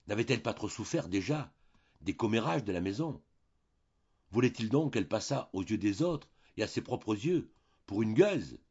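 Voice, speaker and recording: A man's voice: lowish voice, expressive, moderate pace, a little mellow, husky. A man narrating a classic novel as an audiobook reader, reading expressively and dramatically. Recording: dull lo-fi recording.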